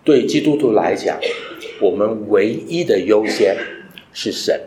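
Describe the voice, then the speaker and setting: A man's voice: on the low side, animated, measured pace, warm tone, slight background noise. A man preaching a sermon, teaching and asking his listeners rhetorical questions, mixing English phrases into his talk. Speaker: pastor. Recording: echoey room.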